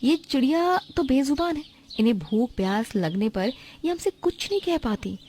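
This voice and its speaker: A woman playing a kind, patient mother who sells vegetables, speaking gently and reassuringly. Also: sits high, sing-song, normal speed, slight background noise. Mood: gentle.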